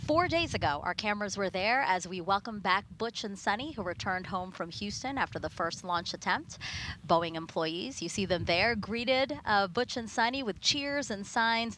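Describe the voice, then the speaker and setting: A woman's voice: mid-range voice, sharp tone, poor audio. A woman presenting a live launch broadcast as its host. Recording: faint ambient noise behind.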